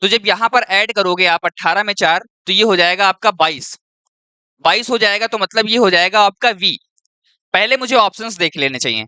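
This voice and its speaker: Bright, crisp-voiced male teacher. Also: high-pitched, no echo. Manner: checks in with students often and keeps saying "your". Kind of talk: exam-prep lesson worked through step by step.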